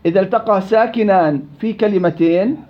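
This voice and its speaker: A man's voice: high-pitched, a little fast, muffled recording. A man teaching a Quran recitation class, quizzing students by name and teasing them. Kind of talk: interactive classroom lesson.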